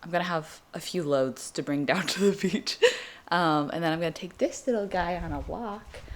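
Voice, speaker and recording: Chatty young woman with a low voice. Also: moderate pace, slight background noise. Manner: chatty, rambling, filler "like" throughout. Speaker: vlogger. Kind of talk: casual vlog chat.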